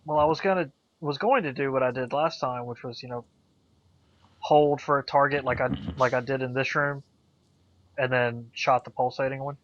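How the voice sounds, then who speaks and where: A man's voice: medium pitch, steady tone, moderate pace. A man chatting casually as a player in a tabletop role-playing game. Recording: dull, muffled sound.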